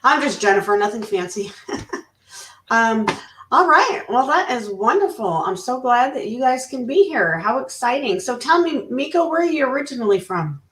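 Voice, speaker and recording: A cheerful woman interviewer talks with guests in a relaxed, chatty way, full of fillers and quick laughs. She sounds set back from the microphone in an echoey room. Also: fairly high pitch, slight background noise. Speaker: interviewer host. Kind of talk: upbeat live interview. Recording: roomy, distant mic.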